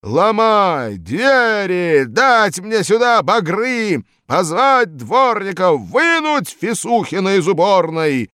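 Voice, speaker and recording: A man's voice: sits high, very animated, slow, few pauses, pushed and bright, clean tone, no echo, studio quality, voice pushed up, heavily acted. A man playing a furious male school headmaster who roars threats at everyone. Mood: raging. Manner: roaring, stamping, screaming threats.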